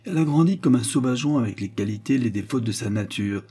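A man's voice: medium pitch, expressive, fast talker, dark tone, breathy edge. A man voicing a polite but stubborn young man defending himself. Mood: earnest.

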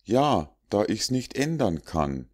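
A man's voice: fairly low pitch, very animated, slow, darkish tone, heavily acted. A man voicing a female wasp from a storybook fable who begs for mercy after stinging a boy and excuses herself. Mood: pleading. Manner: begging, self-excusing.

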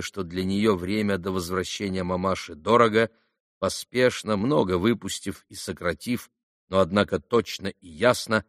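A man narrating a literary audiobook in a measured, even storytelling manner. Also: fairly low pitch, no room sound, studio quality.

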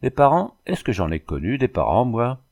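A man's voice: mid-range voice, very animated, normal speed, a little mellow. Man doing a coarse, mocking bandit sailor. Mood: gruff mocking. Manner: rough, mocking, colloquial. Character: coarse boastful male backwoods bandit sailor.

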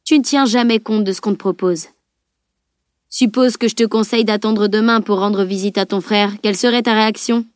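A woman's voice: medium pitch, fairly even intonation, moderate pace, smooth, no room sound, clean studio sound, lightly acted. A woman reading the voice of a wry, teasing teenage boy in an audiobook, mocking and playful.

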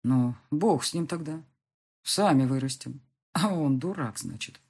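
Woman doing stubborn older dad, breathy, coaxing, insistent, audiobook. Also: low-pitched, animated, unhurried, darkish tone, full character voice. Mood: firm. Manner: soothing, then insistent and scolding. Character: caring older father, gruff and stubborn.

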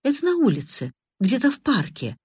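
A woman reading an audiobook, voicing a gentle older lady who speaks softly, reassuring and firm. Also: on the high side, huge pitch swings, moderate pace, slightly rough, no room sound, clean studio sound, pitched above the performer's own voice, heavily acted. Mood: soothing. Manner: soft, reassuring.

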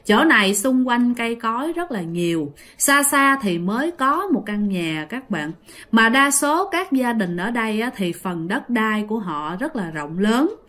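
A woman's voice: on the high side, very animated, a little slow, fairly bright tone. A woman with a Southern Vietnamese accent telling a ghost story in a casual, chatty way, often speaking straight to her listeners. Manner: chatty, addresses listeners directly.

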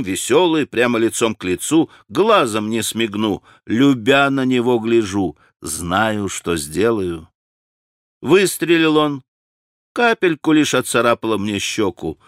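A man narrating a classic novel aloud, expressive and emotional, with dramatic pauses. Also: mid-range voice, no echo, clean studio sound. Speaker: audiobook narrator. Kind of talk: scripted literary narration.

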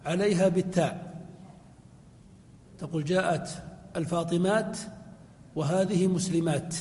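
High-voiced sheikh teaching in a mosque hall. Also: male voice, a little mellow, slight background noise. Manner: measured, slows to chant quoted text and verse. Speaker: sheikh teaching Arabic grammar. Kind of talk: classical grammar lesson, reading and explaining a text. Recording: long hall reverb.

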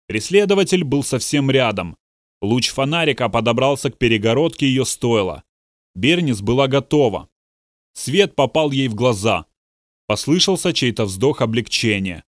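A man narrating a thriller audiobook in a steady, dramatic way. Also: medium pitch, no echo, studio quality. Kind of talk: scripted narration.

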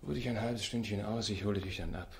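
An actor playing a complacent, pedantic schoolmaster husband in a 1960s radio drama. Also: male voice, fairly low pitch, fast, gravelly, slight background noise. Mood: contented. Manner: pedantic, contented.

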